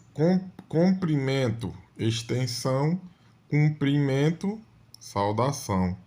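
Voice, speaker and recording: Guy teaching grammar, slow, lowish voice, keeps saying né. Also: a little mellow. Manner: explains slowly with frequent "né?" checks. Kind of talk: exam-prep grammar lesson.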